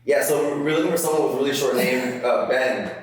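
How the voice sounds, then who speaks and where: A man's voice: medium pitch, fairly quick. A young man co-hosting a podcast, chatting casually and rambling with lots of fillers. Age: young adult. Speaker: podcast co-host. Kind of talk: casual chat. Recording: echoey room, far from the mic.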